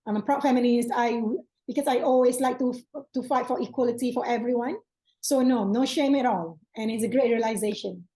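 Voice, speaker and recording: A woman's voice: a little high, brisk, dark tone, rough recording. A woman hosting an interview, talking earnestly about her own views, with many fillers and restarts. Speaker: podcast host. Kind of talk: interview conversation.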